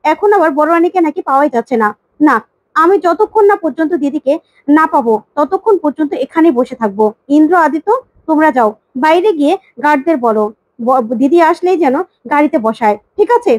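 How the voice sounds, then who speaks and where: A woman's voice: high-pitched, animated, fairly quick, no room sound. A woman voicing a furious imperious queen. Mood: angry. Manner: scolding, demanding. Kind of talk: storytelling of a TV serial plot.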